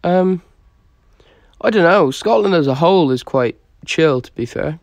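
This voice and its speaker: Animated but a little slow, a young Dublin man with a fairly high, creaky voice chats on a livestream, responding to comments in a laid-back, slangy way. He holds the phone near his face, and there's no room sound.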